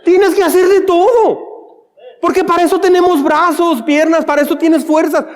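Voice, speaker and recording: A man's voice: very high-pitched, flat delivery, moderate pace. A man preaching a sermon in a church, speaking conversationally and acting out little everyday scenes. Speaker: pastor. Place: church sanctuary. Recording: long church reverb.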